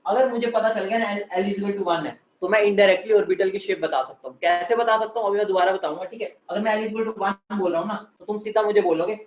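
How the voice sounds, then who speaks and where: A man's voice: high-pitched, fairly quick, few pauses. A man teaching a chemistry class, who keeps saying "theek hai" and asks questions that he then answers himself. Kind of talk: classroom lecture. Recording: echoey room.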